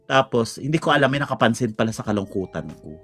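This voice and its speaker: A man from the Philippines rambles through a personal story with lots of restarts and quick asides. His pitch swings widely as he talks. Faint music sits under the voice. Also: animated, fairly bright tone. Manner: rambling, code-switching Tagalog and English, many restarts. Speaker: podcast guest telling a story. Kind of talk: casual storytelling chat.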